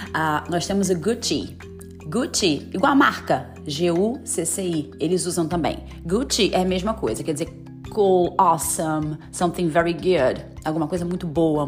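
Woman, podcast teacher, lowish voice, casual chatty delivery, faint music underneath. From Brazil. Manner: chatty, frequent tag questions, drops into English examples. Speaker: podcast host teaching English slang. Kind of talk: casual explanatory lesson. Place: lives in the United States.

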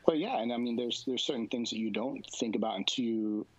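A man talking casually in a relaxed conversation, rambling with lots of fillers and frequent laughs. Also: medium pitch, a little fast, dry recording. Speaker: jiu-jitsu instructor guest. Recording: dull, dry lo-fi sound.

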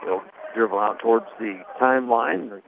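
Radio play-by-play man, brisk calls and read-in ads, phone-thin sound with faint hiss. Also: lowish voice, creaky. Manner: rapid calls with read sponsor spots. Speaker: play-by-play announcer. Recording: tinny phone-like radio broadcast.

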